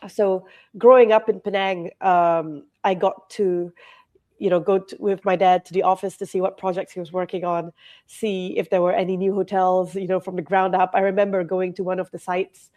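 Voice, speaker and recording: Her voice sits on the low side, dark in tone, at a normal speed with little pitch movement, and hay fever makes it a little nasal. She's a hotel company CEO in her forties from Malaysia, chatty as a podcast interview guest, restarting often, using lots of fillers, and laughing frequently.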